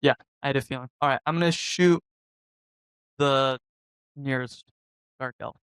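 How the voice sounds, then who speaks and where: A man playing a tabletop game, plainly declaring his moves and asking what is going on around his character. His mid-range voice is smooth and resonant, recorded dry and close. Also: medium pitch, steady tone, a little slow, fairly bright tone, dry recording, rough recording. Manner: asks questions, declares actions plainly. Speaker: player.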